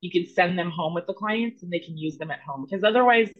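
A woman who is a veterinary technician, cutting into a casual podcast conversation with quick restarts. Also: fairly low pitch. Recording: dull lo-fi dry sound.

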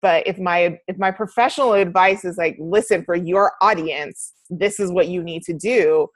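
A woman hosting a casual podcast interview, relaxed and quick to laugh, with casual fillers. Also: fairly low pitch, no echo. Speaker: podcast host.

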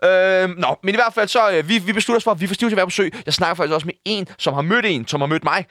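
A young man, co-hosting a podcast and telling crude stories in a casual, animated way. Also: dry recording, clean studio sound. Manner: animated, crude storytelling with big pitch swings. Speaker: podcast co-host.

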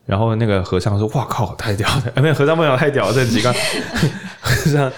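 A man's voice: mid-range voice, fast, a crowd in the background. A man with a Taiwanese Mandarin accent, hosting a casual podcast and telling a story, acting out the voices in it. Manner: animated storyteller who acts out voices in the tale. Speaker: podcast host.

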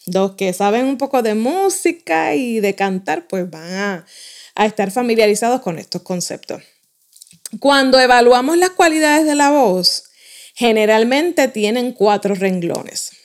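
Woman as a voice coach giving a lesson, a little high, clear and measured, talks straight to the listener. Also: sing-song. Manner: clear, measured teaching with direct address to listeners. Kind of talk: lesson on voice and speaking.

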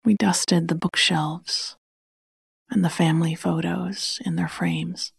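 A woman hosting a sleep podcast, telling a bedtime story in a soft, breathy half-whisper with a slow, soothing manner. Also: on the low side, steady tone, no echo, studio quality.

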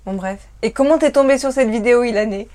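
A French co-host on a livestream, her voice a little high and a little mellow, is tipsy from wine. She chats casually, talks quickly, and laughs throughout.

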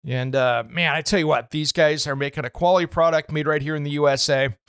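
Male radio host, easygoing and chatty, slightly higher voice, dry studio sound. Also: fairly quick, smooth, dry recording. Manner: chatty, relaxed, many "uh" fillers. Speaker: home improvement radio host. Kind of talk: casual product talk on radio show. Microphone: studio microphone.

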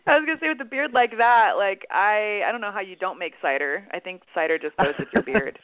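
A woman hosts a casual radio interview with an effusive, informal manner. The sound is dry and narrow, like a telephone, and her pitch is average. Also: lively intonation, fairly quick, no echo. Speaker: radio show host.

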